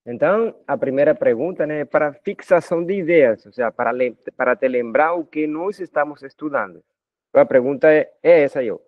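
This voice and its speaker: A man's voice: a little high, brisk, no room sound. Colombian man lecturing students, lo-fi. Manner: talkative, addresses students informally with frequent tag questions. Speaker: math lecturer. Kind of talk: recorded video lecture. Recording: dull lo-fi dry sound.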